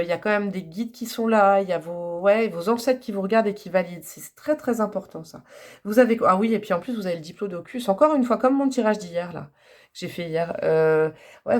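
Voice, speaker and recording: A woman's voice: mid-range voice, darkish tone. A woman giving a casual tarot reading to camera, chatty and rambling, with frequent fillers and small laughs. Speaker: tarot card reader.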